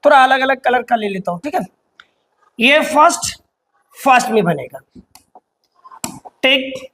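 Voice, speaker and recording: High-voiced man teaching grammar. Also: expressive, measured pace, bright, forceful tone. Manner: asks questions and answers them himself, repeats key words; drills patterns by repeating them. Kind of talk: explanatory online lesson.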